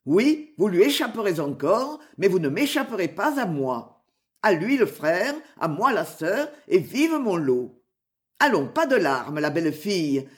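A woman's voice: lowish voice, very animated, unhurried. A woman reading aloud voices a fierce, mocking male outlaw who boasts and threatens. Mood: boastful.

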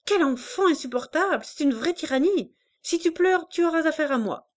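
A woman voicing a hurried young mother who scolds her child sharply, in a storybook reading. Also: high voice, expressive, pitched above the performer's own voice. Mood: angry. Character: harried young mother, impatient and stern.

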